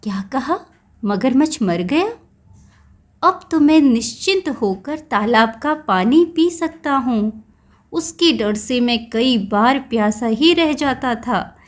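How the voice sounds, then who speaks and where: A woman's voice: high voice, expressive, slow. A woman voicing a clever, wary male jackal in a children's story, sounding sly and suspicious.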